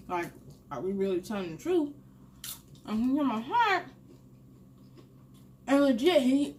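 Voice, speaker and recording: A woman's voice: mid-range voice, a little hiss or hum. Candid young woman telling a funny story. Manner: candid and animated, swears freely, laughs at her own story. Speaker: mukbang host. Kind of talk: casual storytelling while eating.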